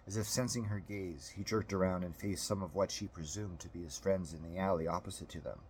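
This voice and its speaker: Low-voiced man narrating a story. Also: steady tone, a little fast, a little mellow, a little hiss or hum. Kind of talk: audiobook narration.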